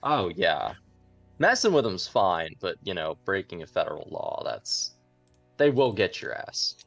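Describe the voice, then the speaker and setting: Deep gravelly man, blunt player. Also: very animated, measured pace, fairly bright tone, dry recording, faint music behind. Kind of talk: casual chat.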